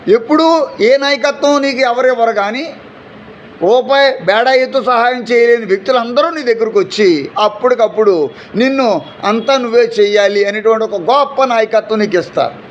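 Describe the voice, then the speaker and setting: High-voiced man preaching a fervent sermon. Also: moderate pace, highs cut off, slight background noise. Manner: fervent preaching with rhetorical questions and calls of hallelujah; acts out everyday people in short quoted asides. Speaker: pastor. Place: church during an afternoon service.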